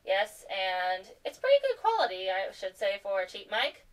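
Here the same young adult American fandubber speaks at medium pitch with big swings and a moderate pace, and the audio quality is poor. She rambles through an informal, unscripted tutorial in her cluttered home room.

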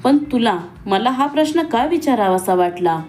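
A woman's voice: on the high side, lively intonation, moderate pace, dark tone, a little hiss or hum, natural voice. A woman voicing a stern young man who speaks in a curt, clipped and irritable way.

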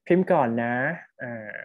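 A man with a Thai accent and a slightly mellow voice teaches an online English test class, switching between Thai and English and reading the test lines slowly.

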